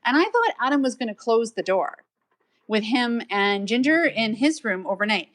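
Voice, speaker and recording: A middle-aged woman co-hosting a podcast from home, telling a story in a chatty, animated way. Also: fairly high pitch, normal speed. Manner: chatty, animated storytelling with playful voices for pets. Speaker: podcast co-host. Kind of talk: casual storytelling chat. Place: at home with dogs nearby. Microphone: home mic on a live audio stream.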